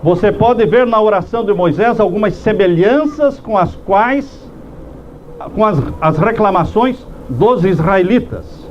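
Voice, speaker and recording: A man with a high voice preaches a sermon, slowly and with emphatic pauses, acting out heartfelt prayers. The recording sounds dull and lo-fi, with faint noise behind him. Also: animated. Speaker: pastor.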